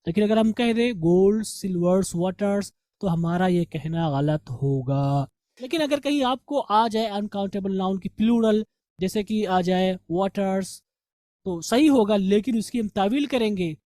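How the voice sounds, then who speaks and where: A man teaching a grammar revision lesson in a warm, relaxed voice, posing quick questions to the class and answering them himself. The sound is dry and close, with no room echo. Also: sits high. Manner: patient, step-by-step explaining. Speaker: English teacher.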